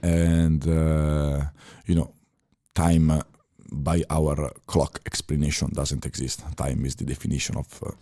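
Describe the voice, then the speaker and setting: Speaking firmly but with little pitch movement, a deep, mellow-voiced Italian man in his thirties guests on a podcast. The former chef's casual interview answers come in halting non-native English, broken up by pauses, fillers, and restarts.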